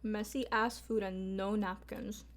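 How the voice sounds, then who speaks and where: A woman's voice: mid-range voice, fairly even intonation, a little slow, slight background noise. A young woman vlogging in a casual mukbang style, chatting informally to viewers over food with lots of filler words and mild swearing. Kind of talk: casual mukbang chat to viewers while eating.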